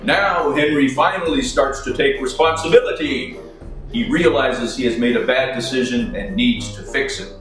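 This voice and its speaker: A man speaking as a horror host, commenting on a film in a theatrical, measured, mock-solemn manner. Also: medium pitch, a bit bright, recorded from a distance. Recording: echoey room, off-mic, music behind. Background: music.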